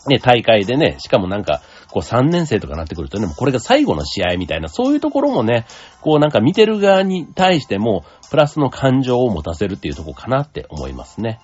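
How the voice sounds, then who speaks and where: A man hosting a casual solo talk show, relaxed and rambling with many fillers. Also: mid-range voice, quick pace, hardly any pauses, slightly rough. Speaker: podcast host. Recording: dull lo-fi sound with faint music.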